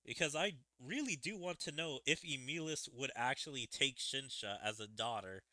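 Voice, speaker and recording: A gaming streamer talks casually and ramblingly about a game's story, reading its dialogue aloud. His voice is medium in pitch, pushed and bright, at a moderate pace. The recording is dry, with game music playing behind him.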